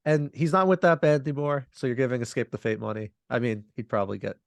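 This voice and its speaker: A man co-hosting a podcast, chatting in a relaxed, rambling way and laughing often. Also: medium pitch, fast talker, gravelly, dry recording. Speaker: podcast co-host. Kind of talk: casual chat.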